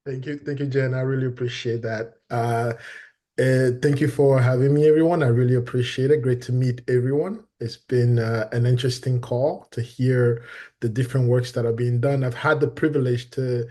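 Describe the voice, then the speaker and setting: Middle-aged man, from Benin, mellow voice, eager, repeats words, video call. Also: mid-range voice, steady tone, moderate pace. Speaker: new team member introducing himself. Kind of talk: self-introduction in an online meeting.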